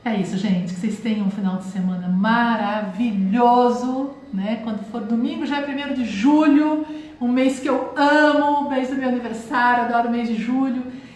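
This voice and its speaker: A woman's voice: on the high side, steady tone, normal speed. Brazilian woman giving a spiritual talk. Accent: Brazilian Portuguese. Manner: warm, reflective, addresses listeners as "gente". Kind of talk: live-streamed motivational talk. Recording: very echoey room, faint hiss.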